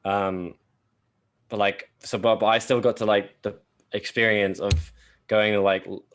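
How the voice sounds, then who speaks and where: A man from England with a low voice chats loosely as a podcast co-host. He rambles through plenty of fillers and swears freely. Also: little pitch movement, a little slow, a bit bright, a little hiss or hum. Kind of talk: casual chat.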